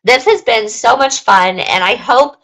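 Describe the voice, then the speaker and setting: A woman's voice: fairly high pitch, unhurried, fairly bright tone, rough recording. A young woman hosting a casual webinar, rambling with lots of ums and likes, and losing her voice. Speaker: webinar host.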